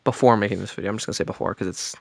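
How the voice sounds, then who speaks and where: A man's voice: fairly low pitch, steady tone, very fast, gravelly, slight background noise. A man giving a casual video game review, recorded under a blanket with pillows behind him, rambling and correcting himself with jokey asides. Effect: muffled, recorded under a blanket.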